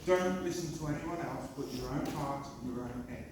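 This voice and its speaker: A man's voice: mid-range voice, fairly quick. A middle-aged man giving a prepared wedding speech and toast as father of the bride, in short phrases. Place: large reception hall. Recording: very echoey noisy hall, far from mic.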